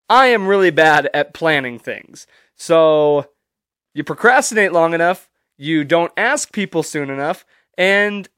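A young man hosts a solo podcast, sounding stuffy and congested from allergies as he talks casually and rambles with loose, profane humor. His voice is a little high and fairly bright, captured in a dry recording with clean studio sound.

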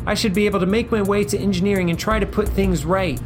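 A man's voice: high-pitched, steady tone, fast. A man doing an engineer heard through a vent. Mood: urgent. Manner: urgent, polite, keeps calling him sir. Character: male ship engineer hiding in an air vent. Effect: voice heard from inside an air vent. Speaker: ship engineer. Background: music.

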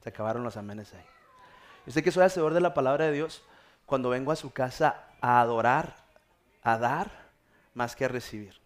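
A male pastor, preaching earnestly with measured pauses. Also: medium pitch. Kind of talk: sermon.

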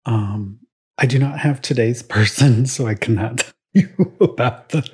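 A man's voice: medium pitch, expressive, takes it slowly, a little mellow, breathy edge. A young man co-hosting a casual podcast, bantering and running a playful trivia quiz. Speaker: podcast co-host. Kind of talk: casual chat.

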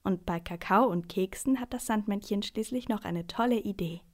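Soft-spoken woman reading a bedtime story. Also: mid-range voice, normal speed.

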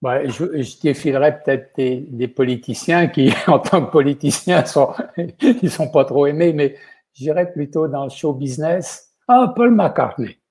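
A man's voice: fairly high pitch, a little slow, darkish tone, husky. An older man with a Quebec French accent, a chef speaking as an interview guest in a rambling way, often adding "ok?". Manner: rambling, tags sentences with "ok?". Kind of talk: casual interview talk.

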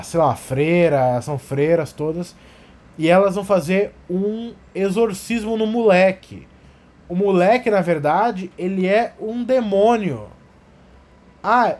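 A man recapping a story in casual, profane, animated comedic talk. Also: high-pitched. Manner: animated, profane, acts out scenes. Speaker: podcast talker.

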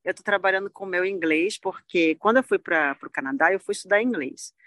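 A young adult woman from Rio de Janeiro with a Carioca accent, a lively guest telling stories on a video call from a park and laughing often. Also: lowish voice, a little fast, no room sound, studio quality. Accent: Carioca Brazilian Portuguese. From Rio de Janeiro, Brazil. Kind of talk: casual chat, anecdotes. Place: outdoors in a park.

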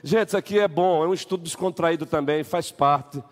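A Brazilian-accented man teaches a Bible lesson to his congregation in an easygoing, humorous way. His voice sits high. Long reverb from the church hall trails his words. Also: fairly quick. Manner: animated, joking, acts out scenes. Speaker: pastor teaching Sunday school. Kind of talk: informal Bible lesson with acted examples.

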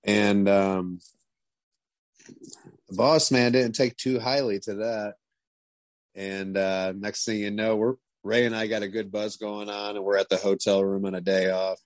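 A man's voice: fairly low pitch, little pitch movement, unhurried, dry recording. A man casually telling a rambling road story, swearing freely and acting out what others said. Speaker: touring drum tech guest.

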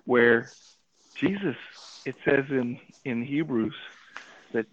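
A man telling a personal story and drawing a faith lesson from it, animated, acting out the people he quotes and often adding "right?". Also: mid-range voice, slow pace, dry recording. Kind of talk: casual radio talk. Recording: tinny phone-like radio audio.

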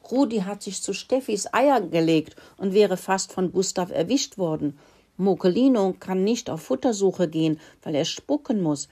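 A woman voicing a caring, fretful father mouse in a children's story, speaking in a squeaky voice. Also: warm tone, husky. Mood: alarmed. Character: caring but scolding older father mouse.

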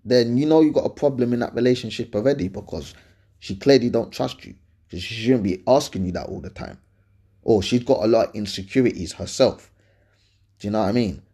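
A man's voice: medium pitch, mellow, breathy edge. A man with an urban London roadman accent hosting a casual advice podcast, speaking colloquially and emphatically, often repeating points and checking that the listener follows. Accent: London, urban roadman slang. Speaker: podcast host answering listener questions.

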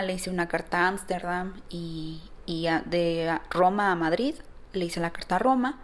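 A woman with a Mexican Spanish accent shares a travel story on her own podcast. She talks in a chatty, animated way, full of fillers and restarts. Her voice sits at a middling pitch for a woman. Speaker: podcast host.

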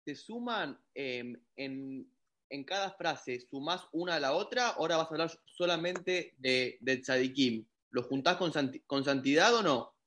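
A man's voice: fairly high pitch, lively intonation, a little slow, a bit bright. A man in the audience politely asking the speaker a hesitant question.

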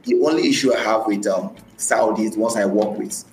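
A podcast guest from Nigeria, speaking with a Nigerian accent, tells of his personal experiences in a conversational interview and keeps repeating phrases for emphasis. His voice is on the low side and brisk. The audio has a roomy echo, faint music and slight background noise.

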